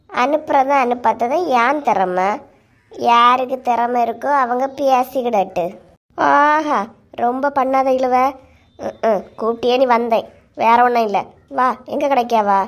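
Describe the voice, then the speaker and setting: A woman playing a bossy, sharp-tongued sister-in-law. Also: on the high side, close to an everyday voice. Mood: teasing. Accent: Kanyakumari Tamil. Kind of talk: cartoon story voice acting.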